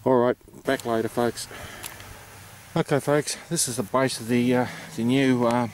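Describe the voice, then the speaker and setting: A man's voice: mid-range voice, fairly even intonation, measured pace, a little hiss or hum. A man with an Australian accent giving an informal, matter-of-fact explanation, hesitant and unscripted as he goes. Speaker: amateur radio operator presenting.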